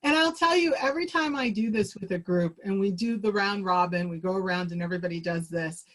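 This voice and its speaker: A woman's voice: mid-range voice, brisk, a bit bright. A woman presenting a workshop over a video call, leading a group exercise in a chatty, upbeat way and laughing easily. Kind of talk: facilitating a virtual group exercise.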